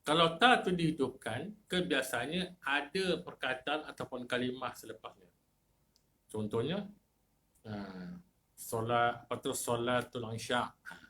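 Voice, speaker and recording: Man, Malaysian Malay accent, religious teacher, mosque lecture, sharp bright voice, rhetorical questions, loud-soft swings. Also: a little slow, a little hiss or hum. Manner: swings between loud emphasis and low asides.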